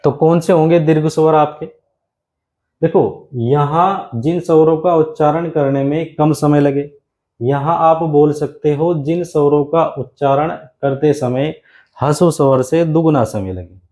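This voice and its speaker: A grammar teacher with a warm voice on the high side preps his class for an exam, addressing them again and again as "my friend". He says key phrases slowly and more than once so they can be noted down. The audio is poor.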